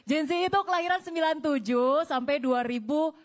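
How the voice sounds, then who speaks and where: A young woman with a high, bright-pitched voice hosts a live talk show on a campus stage. She chats with the crowd, teasing them playfully between introductions. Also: fairly quick. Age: young adult. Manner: chatty, teasing audience banter. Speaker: event host. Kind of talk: lively stage hosting.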